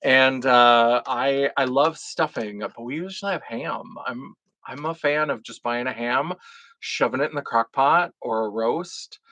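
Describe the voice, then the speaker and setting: Speaking a little slowly in a pushed, bright mid-range voice, this drag performer from North Dakota chats through a casual unboxing livestream. His throat sounds froggy and phlegmy, he swears casually and says hello to chat, and there's no echo.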